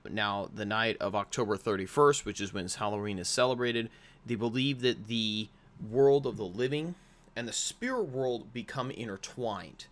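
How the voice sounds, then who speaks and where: A man's voice: fairly low pitch, normal speed, fairly bright tone. A young American man in his twenties hosting a casual explainer, rambling with frequent fillers and restarts. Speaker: host.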